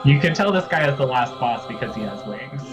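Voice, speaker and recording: A man's voice: mid-range voice, expressive, brisk. A man chatting casually as co-commentator on a video game playthrough. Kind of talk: casual chat over gameplay. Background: game music.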